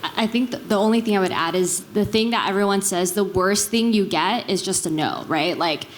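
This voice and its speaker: Speaking briskly in a mid-range voice, a Taiwanese business executive on a panel keeps things casual and conversational, frequently tossing in check-ins such as "right." A faint hiss or hum sits under the recording.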